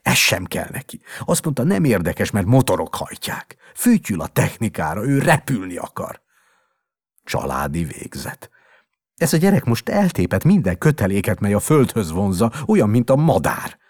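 A man's voice: on the low side, very animated, breathy edge, no room sound, studio quality, voice pushed up, heavily acted. A man voicing a worried poet father who speaks in an agitated, emphatic way in a storybook reading. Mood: anxious.

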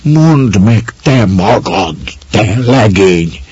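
A man voicing a fierce, cruel mountain woman who speaks in a sharp, commanding way, in a storybook reading. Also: medium pitch, sing-song, husky, dry recording, dull audio, pitched above the performer's own voice. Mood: accusing.

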